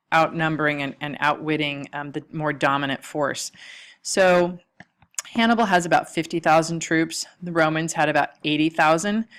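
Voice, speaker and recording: A woman's voice: low voice, fairly bright tone. A woman teaching a history lecture over slides, talking casually with lots of ums and uhs. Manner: casual, with many fillers. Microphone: lecture recording mic.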